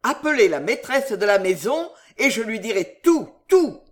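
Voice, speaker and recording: A woman voicing a flustered elderly gentleman who pleads loudly and desperately to be heard. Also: medium pitch, sing-song, a little slow. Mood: pleading.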